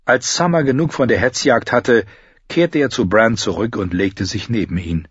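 A man narrating a fantasy audiobook in a steady, even storytelling manner. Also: mid-range voice, moderate pace, breathy edge, no echo, lo-fi sound.

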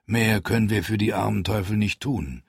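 A dutiful old knight, read by a man, low, measured and respectful, with a husky grain in the voice. The sound is dry and close to the mic. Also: no room sound. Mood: cautious. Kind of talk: audiobook character voice.

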